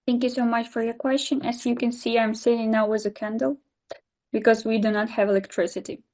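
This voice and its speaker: An emotional woman from Ukraine with a Ukrainian accent, speaking haltingly and from the heart on a video call from her home. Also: fairly high pitch, level tone, a little mellow. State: emotional, close to tears. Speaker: invited speaker. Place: home without electricity, lit by a candle.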